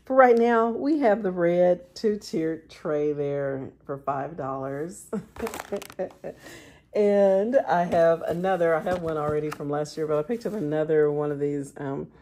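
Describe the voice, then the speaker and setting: Chatty middle-aged woman, low voice. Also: a little slow, warm tone, slight background noise. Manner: chatty and affectionate, says y'all, laughs often. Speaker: vlog host. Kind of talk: casual shopping haul chat.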